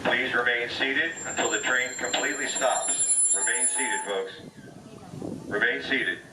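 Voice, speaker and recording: Man announcing over an outdoor loudspeaker. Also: medium pitch, steady tone, measured pace. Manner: firm, repetitive safety announcements. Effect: public address over outdoor loudspeaker. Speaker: train crew announcer. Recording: echoey distant loudspeaker, noisy outdoors.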